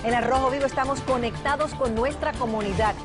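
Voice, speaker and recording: Bright female promo announcer over music. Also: sits high, a little fast. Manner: upbeat, polished promo read.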